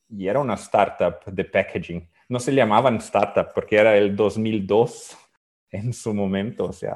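Halting man with Spanish. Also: lowish voice, a little mellow. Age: 40s. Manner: halting, searching for words in a second language. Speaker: guest, software founder and engineer. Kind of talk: interview answers, personal storytelling.

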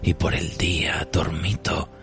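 An ancient, weary cursed treasure drifting at sea, voiced by a man reciting a poem. The voice is very deep and gravelly, unhurried and solemn, sometimes sinking to a near-whisper. Soft music plays behind it. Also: little pitch movement, heavily acted. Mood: brooding. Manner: slow, solemn, at times hushed to a whisper.

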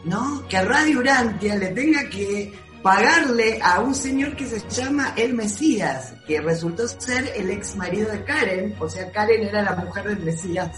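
A woman with a Rioplatense Spanish accent telling an emotional radio-station anecdote in a lively, casual way. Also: medium pitch, moderate pace, hardly any pauses, music in the background. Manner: animated, emotional storytelling. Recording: echoey room.

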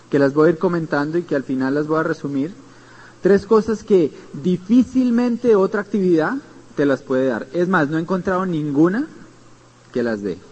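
A high-pitched Colombian man speaking at a business seminar, earnest and personal, often turning to the audience with little tag questions. The recording sounds dull and lo-fi, muffled at the top end. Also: a little mellow, breathy edge. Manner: earnest storytelling, addresses listeners directly with tag questions. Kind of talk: motivational seminar talk.

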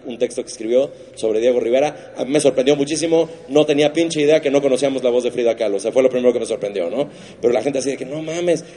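A man's voice: medium pitch, warm tone. A man with a Mexican Spanish accent hosting a comedy show, riffing crudely on the week's news and swearing constantly. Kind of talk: stand-up news monologue.

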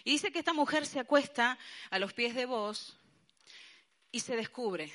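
Una pastora con acento colombiano predicando un sermón animado y enfático a un grupo de mujeres. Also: female voice, a little high, a little slow. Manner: lively, emphatic preaching with colloquial asides. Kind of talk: sermon to a women's gathering.

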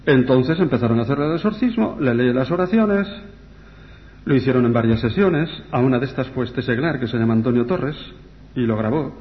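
This priest has a medium-pitched, expressive voice and a brisk delivery as he tells a story on the radio, acting out the people he quotes, before taking questions. The radio audio is dull and carries a long reverb.

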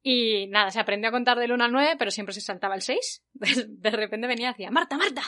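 A chatty woman from Spain with a Spain Spanish accent tells a casual anecdote on her podcast. Her voice sits a little high for a woman, and she acts out the voices of the people in her stories. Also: steady tone, quick pace, sharp tone. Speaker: podcast host.

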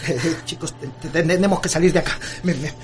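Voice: mid-range voice, fast, noisy background, natural voice. An actor playing a scared police officer who stammers and stumbles over words in a radio drama. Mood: shaky soothing. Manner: stammering, shaky.

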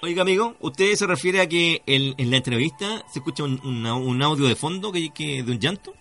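With soft background music, a man speaking with a Chilean accent hosts a conversational radio interview, pausing hesitantly and ending phrases with checking tags such as "cierto". His fairly high voice is animated, brisk and sharp-toned.

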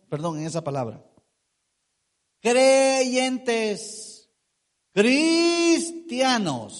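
A man preaching a sermon, emphatic, asking rhetorical questions and drawing out key words. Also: high voice.

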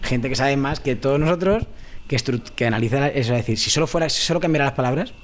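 Halting man explaining. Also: medium pitch. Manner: explaining, halting, with many restarts. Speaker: interviewee. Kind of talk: explanatory interview.

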